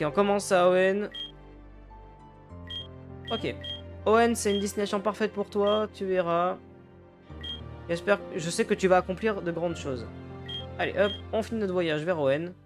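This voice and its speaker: A man giving casual let's-play commentary, thinking aloud, swearing casually and loosely paraphrasing the game's dialogue. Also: high voice. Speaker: gaming YouTuber.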